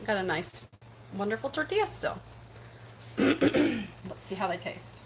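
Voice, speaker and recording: A woman's voice: medium pitch, lively intonation, slow pace, gravelly, background noise. A woman hosting a casual home cooking livestream in her kitchen, chatty and rambling, poking fun at herself. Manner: chatty, rambling, self-deprecating. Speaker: cooking show host.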